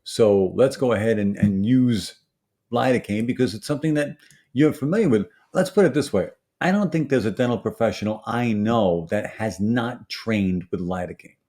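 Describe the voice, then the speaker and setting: A man's voice: on the low side, normal speed, dark tone. A man with a Brooklyn accent gives a conversational expert explanation in an emphatic, teacherly way, often checking in with short tag questions. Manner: emphatic teacherly delivery with frequent tag questions like "right" and "okay". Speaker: dental pharmacology expert guest.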